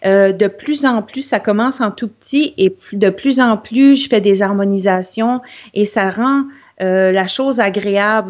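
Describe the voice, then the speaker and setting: A woman with a Québécois accent presenting a product on a video call, talking casually with many fillers and restarts. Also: mid-range voice. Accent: Québécois French. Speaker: presenter of a vocal chanting product. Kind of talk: live online presentation, casual.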